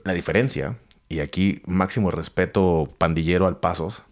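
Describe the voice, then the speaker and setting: A man's voice: deep voice, normal speed. A Mexican man casually telling a funny street-fight story on a podcast, swearing freely and acting out other people's voices. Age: adult, grew glasses as adult.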